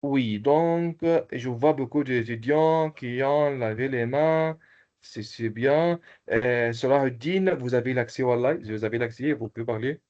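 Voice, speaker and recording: A man teaching an online language class, slowly repeating phrases and calling on students by name. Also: mid-range voice, a little mellow, dull audio. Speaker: Arabic teacher.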